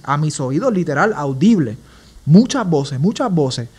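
A young man with a Puerto Rican accent speaks as a podcast guest. His voice sits a little high for a man. He tells his personal story with earnest, open emotion. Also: big pitch swings, unhurried, a little mellow, slightly rough. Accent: Puerto Rican Spanish. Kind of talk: personal testimony in a casual interview.

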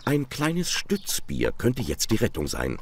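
A man's voice: fairly low pitch, wildly swooping pitch, measured pace, creaky, a little hiss or hum. A man narrating a television documentary in a wry, playful scripted style.

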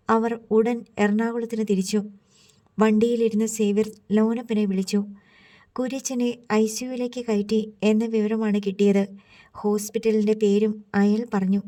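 A woman narrates a novel for an audiobook in a warm, mellow voice. Her pitch stays flat and even, and she reads the characters' lines in her own voice with a steady storytelling delivery.

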